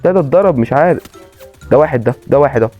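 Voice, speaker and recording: A man with an Egyptian accent commentating his own gameplay and repeating excited exclamations. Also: mid-range voice, rapid-fire, narrow, tinny audio, soft background music. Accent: Egyptian Arabic. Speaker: gaming channel host.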